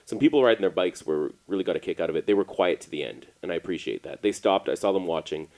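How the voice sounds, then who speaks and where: A man's voice: sits low, fast. A young adult man from Canada, telling a story in casual chat and laughing as he goes. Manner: laughing, animated storyteller who voices people in his anecdotes. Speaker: podcast co-host.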